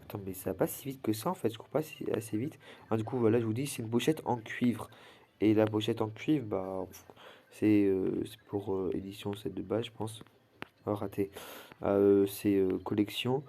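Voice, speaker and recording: A teenage boy talks through a mobile game run in a loose, rambling way, his low-pitched voice slightly cracking and wavering. His tone is dark and mellow, and he keeps stopping mid-sentence to restart. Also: fairly even intonation, normal speed, vocal fry. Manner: rambling, chatty, lots of fillers and restarts. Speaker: gaming channel host. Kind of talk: casual gameplay commentary.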